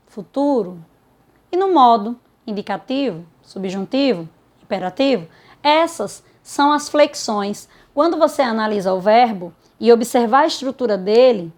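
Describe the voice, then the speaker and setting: A woman teacher with a Brazilian Portuguese accent giving a grammar lesson. She asks questions, voices imagined students and answers them herself. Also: fairly high pitch.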